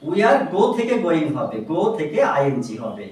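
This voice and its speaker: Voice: mid-range voice, sing-song, a little slow, darkish tone. A patient tuition teacher leads a grammar lesson, spelling words out letter by letter and firing questions at the pupils. The voice rises and falls a great deal. It is recorded from across a small, very echoey classroom. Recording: echoey room, mic far off.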